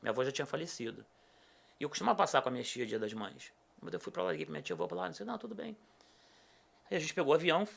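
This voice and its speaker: A man's voice: on the high side, rapid-fire, vocal fry. A middle-aged man, a podcast guest telling a personal story in a casual chat and acting out the dialogue as he goes. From Rio de Janeiro state, Brazil. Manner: animated, acts out quoted dialogue.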